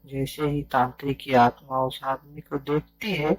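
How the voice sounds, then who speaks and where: A man's voice: mid-range voice, level tone, a little slow, dry recording, faint music behind. A man narrating a village ghost story as a storyteller.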